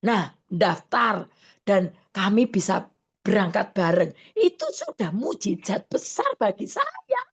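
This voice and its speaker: A woman evangelist preaching a sermon over an online video call, earnest and slow, often stopping on fillers and correcting herself. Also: mid-range voice, sing-song, breathy edge.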